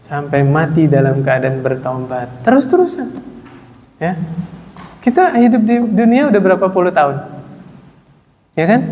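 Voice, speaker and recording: A man preaching to a small congregation, throwing questions to his listeners and answering them himself. His voice sits somewhat high for a man. It rings out with a long echo through a large hall, over a faint background hum. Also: a little mellow. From Indonesia. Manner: recites Arabic verses slowly. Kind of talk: mosque study-circle sermon. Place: mosque.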